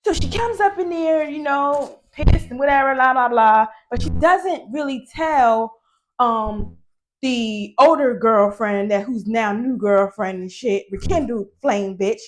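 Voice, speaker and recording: A middle-aged woman giving a casual, profane movie recap, animated and laughing often. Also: a little high, measured pace, a little hiss or hum. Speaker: movie reviewer.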